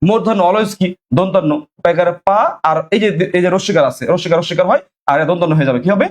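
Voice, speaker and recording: A man's voice: sits high, fast talker. A young man teaching an online exam-prep lesson, drilling students with repeated questions and asking viewers to comment.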